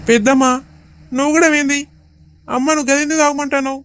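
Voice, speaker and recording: A woman voicing a gentle, devoted young son. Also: high-pitched, fairly even intonation, fast, lightly acted. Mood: pleading. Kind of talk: Telugu cartoon dubbing.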